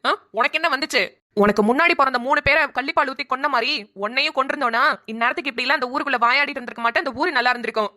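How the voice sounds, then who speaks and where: A woman voicing a harsh, cruel village mother-in-law in a cartoon, scolding and threatening in a rough. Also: high voice, racing, sharp tone. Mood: menacing, scornful. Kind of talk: cartoon voice acting.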